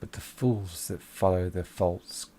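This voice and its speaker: A man voicing a sinister, seductive spirit in an ASMR role-play, speaking in a dark, slow soft voice from the darkness. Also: deep voice, pitched below the performer's own voice. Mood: grandiose, seductive. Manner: dark, slow soft-spoken, as if from behind the listener.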